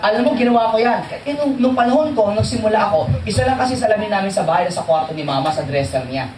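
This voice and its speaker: A man giving a motivational training talk to an audience, animated and joking, often quizzing the listeners. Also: high-pitched, quick pace. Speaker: seminar trainer. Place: seminar hall with audience. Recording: echoey hall, distant mic, faint crowd.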